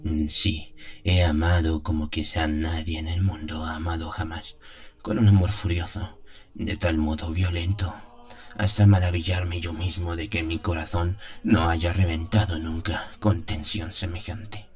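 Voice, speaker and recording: The voice is a man's, very low and a little mellow, with fairly even intonation, as he plays a seventy-year-old country priest in a radio drama monologue. Impassioned yet wistful, the haunted, confessional priest confides his story deliberately, pausing with weight.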